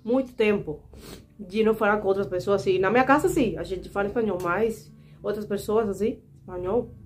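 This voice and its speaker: Casting note: Cuban woman, twenties, Spanish-accented, mid-pitched, chatty vlog storyteller with faint guitar behind. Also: a little fast. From Cuba. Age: 20s. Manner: chatty, animated, frequent fillers and asides to viewers. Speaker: vlogger. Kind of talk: casual storytelling to camera.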